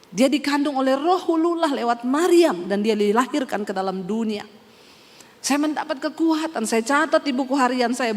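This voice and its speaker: A woman pastor in her forties from Central Sulawesi, earnestly telling her testimony in a sermon and addressing listeners as brothers and sisters. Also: on the high side. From Poso, Central Sulawesi, Indonesia. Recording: long hall reverb.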